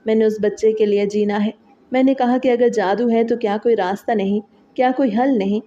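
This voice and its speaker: A woman's voice: fairly high pitch, steady tone, warm tone, highs cut off, slight background noise. A woman narrating a dramatic first-person story in an earnest, emotional way.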